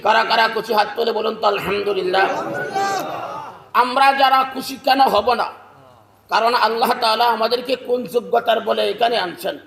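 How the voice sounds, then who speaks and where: A man preaching a sermon at a gathering, shouting and chanting verses in a sing-song voice. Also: high voice, steady tone, normal speed, gravelly, some chatter behind. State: unwell. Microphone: loudspeaker microphone. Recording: echoey loudspeaker sound.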